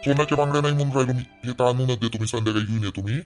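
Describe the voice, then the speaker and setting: Guy doing an old village father-in-law, scolds then calms, middling voice with faint music behind. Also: medium pitch, racing, close to an everyday voice. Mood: scolding. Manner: scolds loudly, then soothes.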